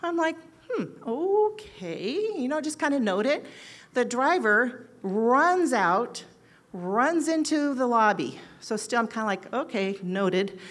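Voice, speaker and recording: A woman in her sixties, an oncology nurse, telling a story to an audience and acting out quoted lines with sudden jumps in pitch and loudness. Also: big pitch swings, slow.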